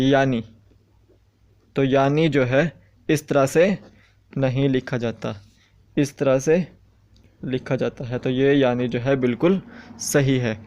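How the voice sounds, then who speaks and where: A young man teaching exam students Hindi spelling, slowly repeating each word as he writes it out. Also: medium pitch. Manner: slow, repetitive, says each word several times. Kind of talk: explaining Hindi spelling rules.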